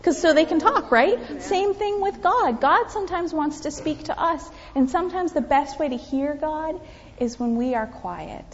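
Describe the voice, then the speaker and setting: A woman's voice: high-pitched, moderate pace. A woman pastor giving a children's message in church, asking the kids questions and often dropping to a whisper. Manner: animated, questioning, drops to whispers. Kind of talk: children's sermon. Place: church sanctuary. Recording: dull recording in a reverberant church.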